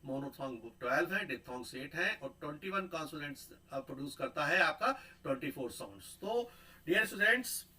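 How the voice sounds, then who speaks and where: A man giving a pronunciation lecture, repeating sounds and words slowly and often checking in with a tag question. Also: on the high side, lively intonation, sharp tone, low-quality recording.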